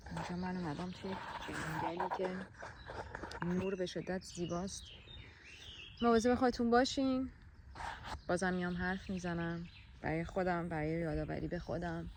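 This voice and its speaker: A woman talking to camera outdoors in a forest about a personal experience, in a gentle, soothing way with many hesitant pauses and filler sounds. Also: fairly low pitch, noisy background. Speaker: vlogger sharing a personal experience. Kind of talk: reflective personal talk to camera.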